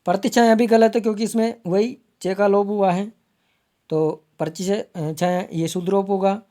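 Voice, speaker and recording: A man teaching Hindi grammar for exams, repeating each word slowly to spell it out and calling viewers his friends. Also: sits high, steady tone, warm tone. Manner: slow, repeats words to spell them out. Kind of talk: exam-prep lesson.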